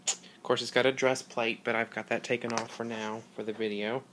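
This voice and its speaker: A man hosting a casual hobby video, explaining equipment in an informal, halting way, recorded on a handheld device indoors. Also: medium pitch, flat delivery, noisy background. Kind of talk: casual product demonstration vlog. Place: small carpeted room indoors. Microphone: handheld phone or camera mic.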